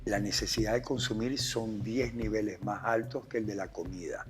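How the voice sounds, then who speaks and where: Venezuelan male expert guest; low voice, fervent, repetitive, faint music bed. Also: steady tone, normal speed. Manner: impassioned, repeats phrases for emphasis. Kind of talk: emphatic testimony and explanation.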